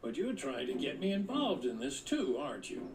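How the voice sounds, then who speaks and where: An actor playing a shrewd, eccentric old military commander in an anime dub. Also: male voice, fairly high pitch, huge pitch swings, normal speed, far from the mic. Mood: wry, fired up. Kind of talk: English anime dub acting. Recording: echoey playback under loud music, off-mic.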